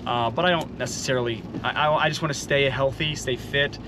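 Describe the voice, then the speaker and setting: A man's voice: medium pitch, steady tone, a little fast. A man giving a casual vlog update, rambling with many ums and uhs, recorded outdoors and then in his truck. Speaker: vlogger. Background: outdoor noise, rain.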